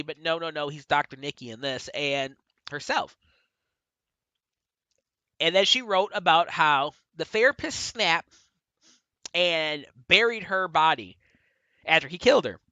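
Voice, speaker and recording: A man's voice: fairly high pitch, lively intonation, measured pace, long pauses, pushed and bright, smooth, no echo, muffled recording. A man giving a casual spoken review, retelling events in a rambling way with many fillers and self-corrections. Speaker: book and TV reviewer.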